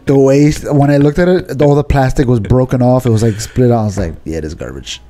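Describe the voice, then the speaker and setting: Mellow, laid-back man telling stories. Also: mid-range voice, fast talker. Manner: relaxed, rambling storytelling. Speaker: podcast co-host. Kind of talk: casual chat. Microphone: podcast studio mic.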